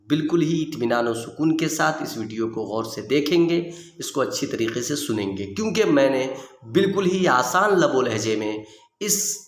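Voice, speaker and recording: A man's voice: medium pitch, reverberant. A man teaching a recorded grammar lesson, explaining patiently, repeating key points and asking and answering his own questions. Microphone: video lesson mic.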